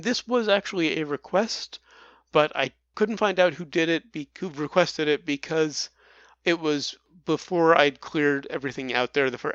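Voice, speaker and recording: A man's voice: on the high side, a bit bright, no room sound, dull audio. A man co-hosting a casual movie review podcast, chatty and prone to stumbling over his words. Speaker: podcast co-host.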